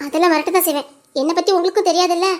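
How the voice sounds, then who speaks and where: A woman's voice: very high-pitched, fairly even intonation, racing. A woman playing a teasing young wife in an audio drama. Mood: playful. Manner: teasing, mock-threatening. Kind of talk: Tamil audio drama acting.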